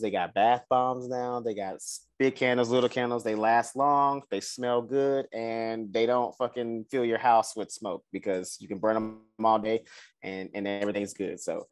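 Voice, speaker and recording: A man co-hosting a podcast in casual chat, laid-back and slangy, swearing freely. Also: lowish voice. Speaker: podcast co-host.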